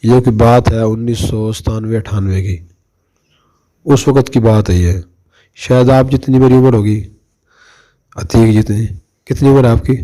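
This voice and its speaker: A middle-aged male preacher from Pakistan recounts a memory in an easy, conversational sermon style. His voice is mellow and warm, and he speaks at a middle pitch. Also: fairly even intonation, pauses often. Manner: conversational, anecdotal, addresses listeners directly. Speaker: Islamic preacher. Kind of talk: storytelling religious talk.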